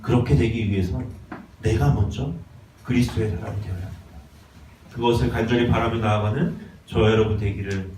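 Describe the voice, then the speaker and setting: A male pastor giving a sermon, swinging between loud exhortation and quiet pleading. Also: fairly low pitch, fairly even intonation, a little fast, pauses often, slight background noise. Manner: impassioned, swings from shouting to hushed pleading. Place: church sanctuary. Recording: echoey church from far off.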